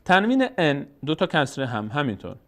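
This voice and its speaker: A man's voice: a little high, sing-song. Male recitation teacher, patient step-by-step lesson, stretches out example words. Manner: patient, asks and answers his own questions, draws out example words slowly.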